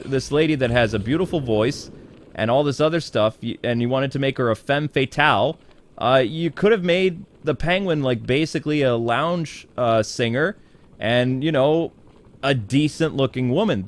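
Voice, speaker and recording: A man with a voice a touch above the usual male range talks through a cartoon episode in a loose, chatty review. He is blunt and opinionated, leaning on fillers as he goes. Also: a little high. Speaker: TV show reviewer.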